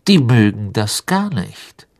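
A man's voice: on the low side, very animated, takes it slowly, a little mellow, exaggerated voice. A man voicing a cold, scornful aristocrat who mocks with drawling politeness in an audiobook reading. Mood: sneering.

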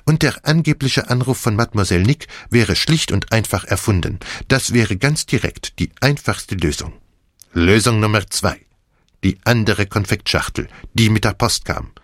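A man's voice: fairly low pitch, normal speed, no echo, studio quality, pitched above the performer's own voice. Hercule Poirot, a man voicing a fussy theatrical detective. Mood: earnest reasoning. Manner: sprinkles French phrases, dramatic, animated. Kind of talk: audiobook character voice.

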